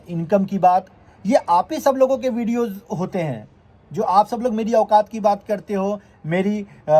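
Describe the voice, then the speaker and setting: A man's voice: high-pitched, warm tone. A vlogger who is a man, delivering a heated, confrontational rant straight to his viewers and repeatedly scolding his critics.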